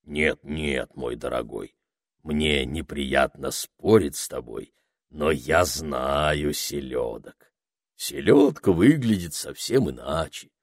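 A man doing a booming slow deaf giant creature. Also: lively intonation, no room sound, clean studio sound, exaggerated voice. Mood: pompous. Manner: slow, pompous and fussy. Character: huge, kindly, hard-of-hearing male creature.

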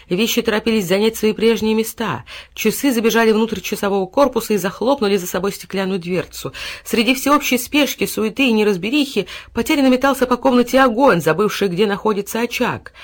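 A woman reads a fairy tale aloud as an audiobook. Her narration is expressive and animated, rising with the action. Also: mid-range voice.

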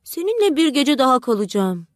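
A woman's voice: sits high, big pitch swings, brisk, no echo, studio quality. A woman voicing a small, tender-hearted swallow in an audiobook, speaking in an earnest, pleading way. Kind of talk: audiobook character voice.

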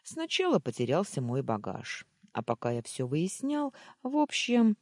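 Husky tired young man drawling soft and coaxing, lively pitch, woman reader doing him. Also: no echo, clean studio sound, exaggerated voice. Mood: guilty. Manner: slow, coaxing, teasing drawl. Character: tired young man purring tenderly on the phone.

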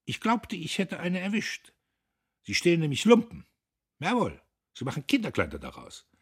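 A man voicing a pompous, bullying young factory heir who barks his orders in a husky voice. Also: on the low side, wildly swooping pitch, moderate pace, pitched above the performer's own voice, full character voice. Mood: barking. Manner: barking, self-important.

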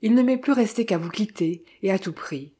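A woman's voice: medium pitch, expressive, brisk, warm tone, husky. A woman reading the part of a troubled young woman, sorrowful and pleading.

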